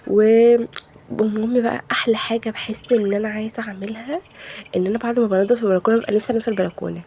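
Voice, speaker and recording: Woman, Egyptian accent, has a cold, very fast, mellow dark tone, casual vlog voice-over. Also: fairly high pitch, fairly even intonation, slight background noise. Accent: Egyptian Arabic. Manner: heated, rhetorical venting with repeated questions. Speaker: home vlogger.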